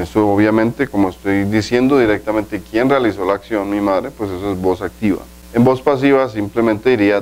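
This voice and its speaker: Low-voiced man teaching English grammar. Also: a little mellow, poor audio. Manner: explains step by step, slows down to say English examples. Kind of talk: recorded video lesson.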